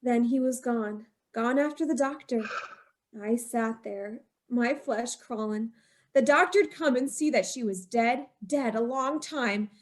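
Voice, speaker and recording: A woman narrates her own story as the lead character of an old-time radio drama. Her voice is tense and haunted, gradually rising to a frantic pitch.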